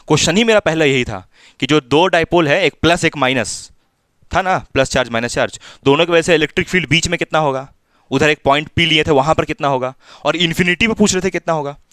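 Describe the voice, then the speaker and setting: A man's voice: on the high side, lively intonation, fairly quick, fairly bright tone, no echo, clean studio sound. A man tutoring physics in a small room, repeating himself as he coaxes and mildly scolds his students. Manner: repetitive, coaxing, mildly scolding. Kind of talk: classroom teaching.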